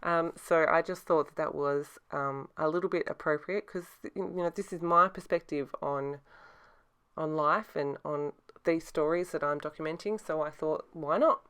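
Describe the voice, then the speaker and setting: A middle-aged woman narrates a craft process in a low, very smooth and clear voice. She speaks casually, with a slight lisp from her braces and a mouth that is a little sore. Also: fairly even intonation, normal speed, fairly bright tone. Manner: talks with a sore mouth from newly adjusted braces. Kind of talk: casual craft tutorial voice-over.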